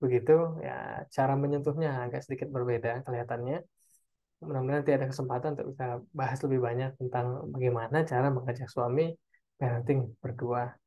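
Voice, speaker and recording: A man's voice: medium pitch, little pitch movement, fast talker, mellow. A man giving a parenting webinar and answering audience questions. He talks in a loose, conversational way and keeps checking in with his listeners. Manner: conversational, tags phrases with "ya" and "oke". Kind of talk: online webinar Q&A talk.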